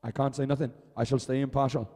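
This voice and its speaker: A man's voice: mid-range voice, little pitch movement, quick pace, warm tone. Chatty man on an echoey arena PA. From Wales. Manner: chatty, teasing the crowd. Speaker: arena announcer. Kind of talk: live event commentary. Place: outdoor arena.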